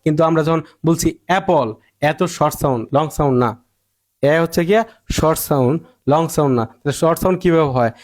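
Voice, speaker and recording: A man teaching English spelling rules, repeating himself, asking rhetorical questions and sounding out words slowly. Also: fairly high pitch, darkish tone. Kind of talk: spelling and pronunciation lesson.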